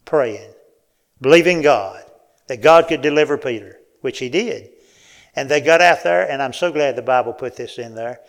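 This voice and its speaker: A man preaching a sermon in a folksy, animated way, often asking the congregation questions. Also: medium pitch, normal speed.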